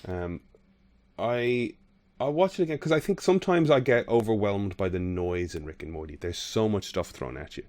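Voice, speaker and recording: A man's voice: on the low side, lively intonation, normal speed, darkish tone. A man hosting a podcast, chatting casually and rambling as he retells scenes. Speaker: podcast host. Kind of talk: casual chat.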